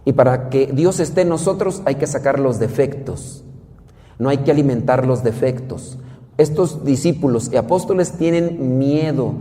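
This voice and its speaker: A priest giving an animated sermon, telling stories and asking rhetorical questions. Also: male voice, medium pitch, normal speed, long reverb tail.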